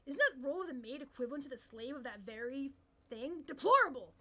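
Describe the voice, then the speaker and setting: A woman's voice: high voice, animated, quick pace, crowd noise. A woman reading as a preachy student activist. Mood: indignant. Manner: preachy, indignant. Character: zealous young student activist, self-righteous.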